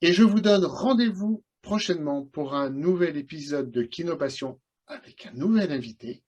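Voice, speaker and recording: Slightly high-voiced male show host. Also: animated, normal speed, a little mellow. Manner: hesitant, many fillers when asking. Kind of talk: interview hosting.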